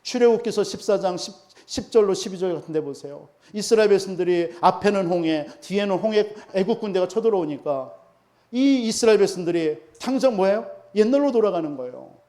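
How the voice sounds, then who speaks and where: A man's voice: sits high, lively intonation, brisk, warm tone. A man preaching a sermon as pastor, emphatic and full of rhetorical questions to the congregation.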